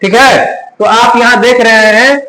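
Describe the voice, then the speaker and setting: Man, teacher, classroom grammar lesson, question-and-answer with students, high pitch, roomy echo. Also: steady tone, a little slow, bright, forceful tone. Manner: quizzes the class, repeats their answers; mixes Hindi with English terms. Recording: echoey classroom, faint room noise.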